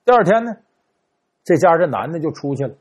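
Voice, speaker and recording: A male storyteller relates a folk tale with a husky, rather high voice. His pitch leaps and dives dramatically, and he keeps the listener hooked with rhetorical questions. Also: very animated, a little fast.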